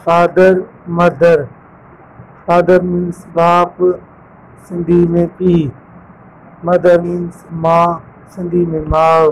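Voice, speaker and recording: Slow, flat-voiced man teaching vocabulary. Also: on the high side, rough recording. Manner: lists word pairs with translations, slow and deliberate. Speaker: English teacher.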